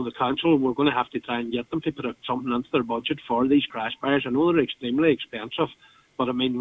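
A man with an Irish accent gives an earnest, halting interview answer as a local politician, repeating words as he goes. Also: mid-range voice, a little hiss or hum. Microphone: phone call. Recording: tinny, narrow phone line.

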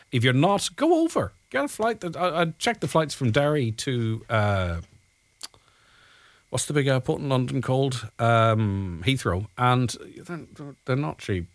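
A man's voice: medium pitch, fairly bright tone, no room sound. A man with an Irish accent from Donegal hosts a radio show in a casual, rambling way, chatting to listeners. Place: dry radio studio.

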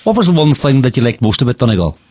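A man asks conversational interview questions. His voice is husky and of medium pitch. The sound is dry, with little room around it. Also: sing-song, rapid-fire, a little mellow, dry recording. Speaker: radio interviewer.

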